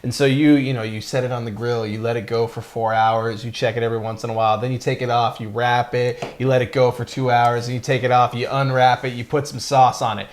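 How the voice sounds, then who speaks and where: A man's voice: mid-range voice, flat delivery, a little fast, hardly any pauses. A man co-hosting a casual whiskey review, talking enthusiastically and rambling with many fillers.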